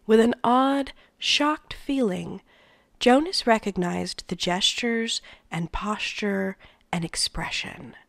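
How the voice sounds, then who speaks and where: A woman reading a novel aloud in a soft voice that often drops near a whisper. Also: medium pitch, dry recording, clean studio sound. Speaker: read-aloud narrator.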